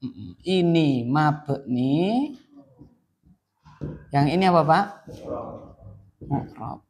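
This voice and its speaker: A man's voice: on the high side, expressive, extremely slow, a little mellow. A middle-aged man teaches an Arabic grammar class. He keeps quizzing his students, tossing out questions and waiting for their answers. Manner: quizzing students with repeated "apa, Pak?" prompts. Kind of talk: classroom lesson with call and response.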